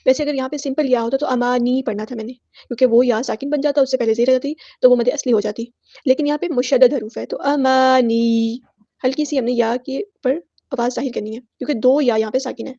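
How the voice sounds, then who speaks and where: A woman teaching Quran recitation rules in a patient, step-by-step manner and reciting verses slowly. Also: sits high, fairly even intonation, mellow, dry recording, muffled recording. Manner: patient, explains each rule step by step; drawn-out melodic recitation of verses. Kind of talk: tajweed lesson with slow recitation.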